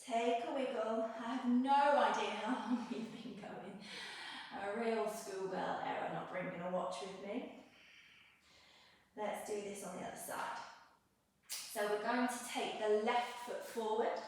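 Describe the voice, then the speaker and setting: A woman yoga instructor giving gentle, encouraging step-by-step cues, slightly out of breath as she moves along. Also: fairly high pitch, a little slow. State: slightly out of breath while moving. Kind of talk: guided yoga class cueing. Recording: echoey room, mic set at a distance.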